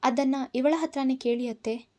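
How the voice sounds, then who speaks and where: A woman voicing an angry young man who shouts and gives orders, in a storybook reading. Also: sits high, fairly even intonation, moderate pace, lightly acted. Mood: furious. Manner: shouting, commanding. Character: furious young man confronting his obsessive cousin.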